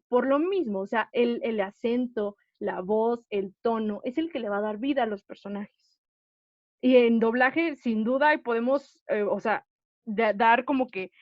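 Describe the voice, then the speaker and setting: A woman with a fairly high voice teaches an acting class online, explaining patiently and often checking that students follow. The audio is dull, dry, and lo-fi, with no room sound.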